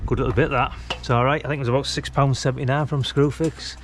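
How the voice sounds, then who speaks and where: Speaking fast at a medium pitch with a steady tone, this British DIY vlogger and radio hobbyist chats colloquially as he works. He's outdoors by the brick wall of a house, and the audio is clear, with the sounds of outdoor work behind him.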